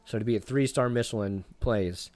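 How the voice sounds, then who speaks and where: A young man, a private chef, chatting casually on a podcast in a relaxed, rambling way full of fillers. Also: mid-range voice, brisk. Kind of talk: casual interview chat.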